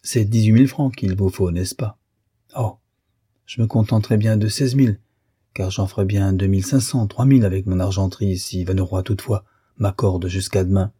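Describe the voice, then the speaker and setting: A man's voice: low voice, steady tone, normal speed, dark tone, husky, no echo, clean studio sound. A man reading as a desperate, pleading businessman. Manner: urgent, pleading. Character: ruined middle-aged businessman, desperate and pleading.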